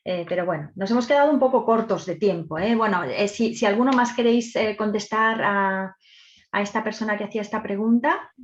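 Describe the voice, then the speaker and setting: A woman moderates a round table and keeps it moving with soft, hesitant phrasing. Her pitch is middling. The recording sounds a little dull. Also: a little fast. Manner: warm, hesitant, many "eh" fillers.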